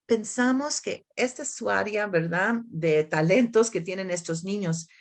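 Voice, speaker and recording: A woman from the United States, an academic expert, answers in a conference discussion with slow, explanatory replies in a mid-range voice. Her speech is halting as she searches for words in a second language. She often checks for agreement with tag questions.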